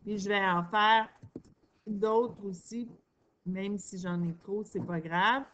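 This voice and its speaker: A woman with a Québécois accent teaching a reading lesson to children, sounding out words slowly and praising answers. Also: medium pitch, fairly even intonation, fairly bright tone, slight background noise. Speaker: primary school teacher.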